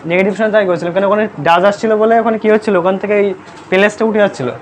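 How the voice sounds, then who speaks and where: A grammar teacher speaks very fast in a steady, mid-range voice during a live lesson. Pupils face a steady stream of quiz questions and understanding checks while words are spelled out letter by letter. She sternly scolds those who make noise.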